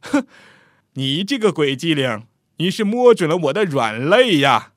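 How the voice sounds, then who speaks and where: A narrator doing a shrewd middle-aged mayor who weighs his words and speaks with measured authority, his voice set apart from the telling and louder, with a different color to it. The sound stays close and dry as in a storybook reading. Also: fairly high pitch, big pitch swings, dry recording. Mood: teasing.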